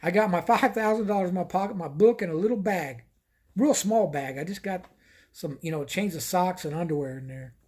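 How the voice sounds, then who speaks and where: A man's voice: high-pitched, a little fast, darkish tone, slightly rough. A man telling a casual first-person anecdote, rambling and often repeating himself. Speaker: storyteller.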